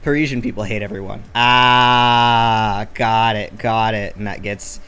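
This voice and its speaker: A man's voice: fairly low pitch, fairly quick. A man streaming live as he draws, chatting casually with his chat and muttering to himself about his work. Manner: chatty, reads and answers chat, mutters to himself while working.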